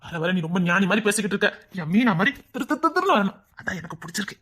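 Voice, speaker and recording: A woman's voice: medium pitch, expressive, rapid-fire, fairly bright tone, breathy edge. A woman with a Tirunelveli Tamil accent playing a doting young husband who fondly teases his wife. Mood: affectionate. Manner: fond, chatty, teasing.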